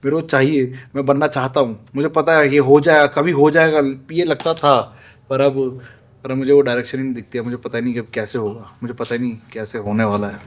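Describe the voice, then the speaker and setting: A man's voice: mid-range voice, fairly even intonation, fairly quick. A young man telling a story to friends, acting out the lines of the people in it. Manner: acts out dialogue in shifting voices. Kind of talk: animated storytelling among friends.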